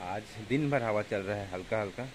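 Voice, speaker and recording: A young village vlogger from India talks to camera with a Chhattisgarhi accent, his fairly low voice moving a little fast. He's recording outdoors in a rural area on a phone held at arm's length, and there's slight hiss or hum.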